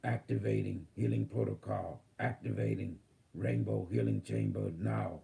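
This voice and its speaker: A man voicing a calm future AI healer that speaks in slow, gentle machine announcements. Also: on the low side, vocal fry. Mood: robotic, caring. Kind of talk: spiritual channeling session.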